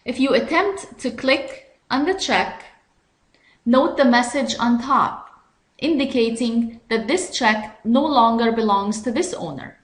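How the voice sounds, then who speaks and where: A fairly high-voiced woman narrates a software tutorial slowly, step by step, in a measured, instructional way. The recording has a noticeably roomy, echoey sound.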